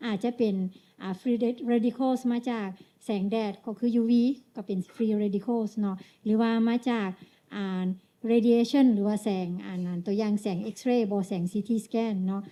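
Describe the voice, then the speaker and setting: A woman with a Lao accent interpreting a medical lecture, measured, pausing often and ending phrases with tag particles. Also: fairly high pitch, steady tone, dark tone.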